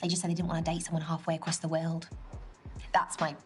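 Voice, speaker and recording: A young British woman acting a playful, teasing date in a video game, with quick whispered asides. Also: low voice, flat delivery, over music, close to an everyday voice.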